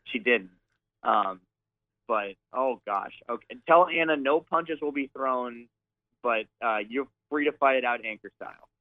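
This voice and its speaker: A man's voice: mid-range voice, measured pace, no echo. A man calling in as a radio guest, laid-back and joking with the host. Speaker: guest, sports team staff. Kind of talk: casual radio chat. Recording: phone line.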